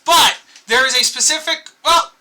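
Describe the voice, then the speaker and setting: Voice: high voice, moderate pace, bright, forceful tone. A game master running a tabletop game, chatty and hesitant with many fillers.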